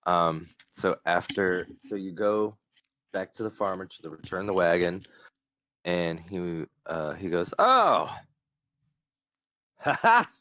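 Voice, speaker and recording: Game master, male, very low voice, measured pace, dry close mic. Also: fairly even intonation, fairly bright tone, dry recording, highs cut off. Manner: unhurried, descriptive narration. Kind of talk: narrating a tabletop game.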